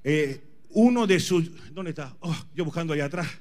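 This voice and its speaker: Speaking Spanish as a second language, a man in his forties preaches with charismatic emphasis, repeating himself and putting questions to his listeners. He talks at a moderate pace in a fairly high, slightly mellow voice with lively intonation.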